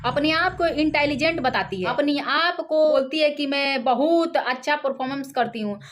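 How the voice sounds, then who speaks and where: A woman's voice: high-pitched, moderate pace, a little hiss or hum. A woman singer, giving heated, scolding gossip commentary in a vlog. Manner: scolding, indignant, mocks with quoted voices.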